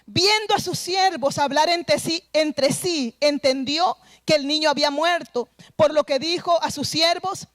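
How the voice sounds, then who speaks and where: A woman's voice: high voice, measured pace, no echo. A woman pastor delivering an earnest sermon, retelling a scripture story and urging the congregation to return to God. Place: church service.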